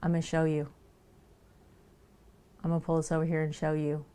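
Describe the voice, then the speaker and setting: Chatty woman streamer, lowish voice. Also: completely flat delivery, fairly quick, warm tone, smooth. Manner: chatty, thinks aloud while working. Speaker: live streamer. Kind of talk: casual live-stream chat while crafting.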